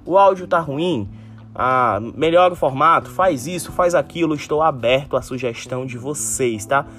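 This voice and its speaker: A man's voice: a little high, normal speed, fairly bright tone. Lisping man from Ceará over music. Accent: northeastern Brazilian, Ceará. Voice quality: tongue-tied lisp, slushy s sounds. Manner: informal, addresses listeners directly, frequent tag questions. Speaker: sports podcast host. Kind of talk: casual solo football news commentary.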